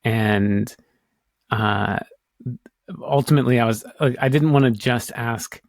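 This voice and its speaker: Male podcast co-host from the US, rambling and hesitant, mid-pitched, dry close mic. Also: a little slow, vocal fry, no echo. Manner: hesitant, rambling, full of restarts. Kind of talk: casual chat.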